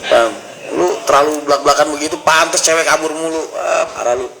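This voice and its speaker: A young man with a gravelly, fry-tinged voice, joking and bantering in casual chat. His voice sits at an ordinary pitch, and steady background noise runs behind it. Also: fairly quick, rough recording. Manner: joking, banters in a Jakarta-slang and Javanese mix. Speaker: vlogger.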